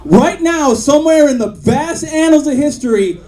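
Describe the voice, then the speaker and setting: High-voiced young male stand-up comic. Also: animated, moderate pace, darkish tone. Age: 20s. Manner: rambling, filler-heavy, crude punchlines. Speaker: stand-up comedian. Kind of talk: stand-up set. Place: comedy club stage with live audience. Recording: audience laughter behind. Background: crowd laughing.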